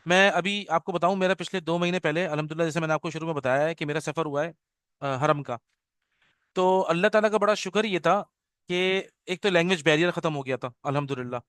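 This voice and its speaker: A man's voice: a little high, a bit bright, clear, resonant tone, dry recording, clean studio sound. A middle-aged man teaching an online class orientation, switching between Urdu and English and checking in with his students often. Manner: mixes English into Urdu, keeps checking with "okay?". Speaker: Arabic teacher. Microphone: video call.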